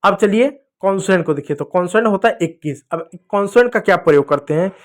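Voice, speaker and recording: Man, high voice, children's phonics teacher, coaxing, asks and answers his own questions. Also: lively intonation. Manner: repeats questions and answers them himself, coaxing; sounds out letters slowly. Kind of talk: Hindi phonics lesson for kids.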